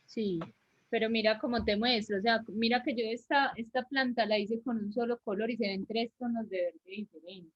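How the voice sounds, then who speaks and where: This online drawing lesson comes from a woman whose husky voice sits on the high side, speaking at a normal speed with fairly even intonation. With her Antioquia, Colombia accent, she explains step by step and frequently checks on her students, all through muffled video-call audio.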